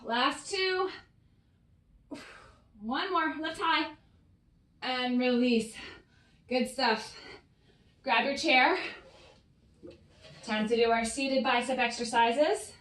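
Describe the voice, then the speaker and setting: A woman fitness coach guides a workout, a little out of breath as she encourages and cues each breath and rep. Her high, fairly bright voice is slow with long pauses, and it sounds roomy and far from the mic.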